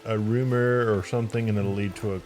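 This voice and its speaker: A man's voice: fairly low pitch, fairly even intonation, brisk, darkish tone, soft background music. Easygoing, musing co-host man. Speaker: gaming channel co-host. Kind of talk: casual let's-play chat.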